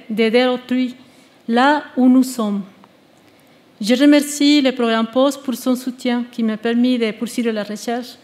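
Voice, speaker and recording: A woman, reading a prepared testimony on stage in a measured, earnest way, with small restarts. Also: on the high side, a little mellow. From Venezuela. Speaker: exiled researcher giving a testimony. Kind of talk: prepared speech read to an audience. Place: stage at a live public event.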